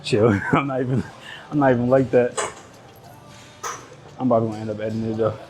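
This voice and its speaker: A Nigerian fitness vlogger talks fast and fairly evenly at a medium pitch, chatting to the camera mid-workout in English, his second language, with a Nigerian accent. He jokes and uses slang, sometimes swearing, and a clip-on body mic catches him amid the chatter of a busy indoor gym.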